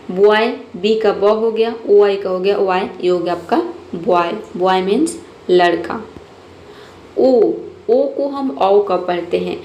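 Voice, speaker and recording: A woman's voice: medium pitch, darkish tone, highs cut off. A woman teaching English pronunciation rules step by step in a patient, methodical way. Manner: patient, methodical, repeats "ठीक है" often. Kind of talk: phonics lesson explaining rules step by step. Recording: echoey room, faint noise.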